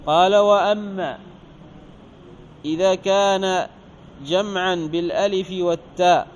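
A male teacher reading a grammar text aloud and explaining it, asking the class questions and slowing down to stress example words. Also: high-pitched, slight background noise.

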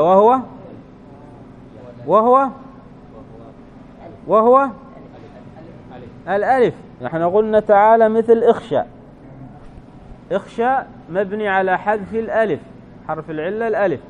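A man's voice: high voice, lo-fi sound, a little hiss or hum. A man teaching an Arabic grammar lesson, repeating key phrases and checking in with his listeners.

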